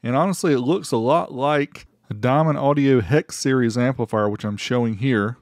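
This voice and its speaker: The host of a car audio amplifier review channel, a middle-aged American man, narrates a relaxed product review with playful, showy stress on his words. He speaks at a moderate pace in a medium pitch, recorded at studio quality without room sound while music plays faintly underneath.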